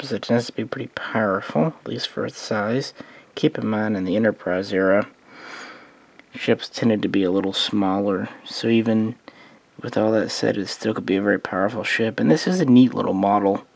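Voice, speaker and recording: A man giving a relaxed, meandering spoken overview of his collection of model starships, thinking aloud as he goes. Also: fairly low pitch, normal speed, gravelly, no room sound. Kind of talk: casual hobby overview.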